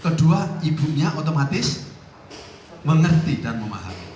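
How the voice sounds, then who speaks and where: A middle-aged man, an Islamic teacher, giving a lively parenting talk to parents in a small prayer room. He swings between loud emphasis and soft asides. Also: fairly high pitch, moderate pace. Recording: echoey room with faint ambient noise.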